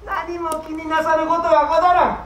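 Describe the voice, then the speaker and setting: A man acting a doting, easily flustered bridegroom in traditional Japanese kyogen comedy, with declamatory, drawn-out archaic phrasing. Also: very high voice, level tone, fairly bright tone. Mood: coaxing. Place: open wooden stage, recorded from the audience. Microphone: far camera. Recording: echoey stage, distant mic, faint noise.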